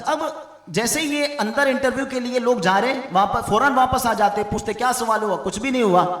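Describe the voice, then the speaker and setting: A man giving a religious talk at a gathering, telling a moral story and addressing his listeners as brothers. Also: high-pitched. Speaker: preacher. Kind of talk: religious speech at a mehfil. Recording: echoey hall, from far off.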